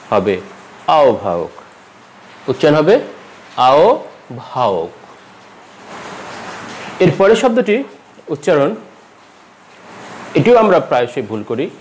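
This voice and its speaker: A man giving a pronunciation lesson, repeating each word slowly and carefully, with a rise in pitch at every new word. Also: poor audio. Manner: lively teacherly stress, rises at each new word. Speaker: language teacher.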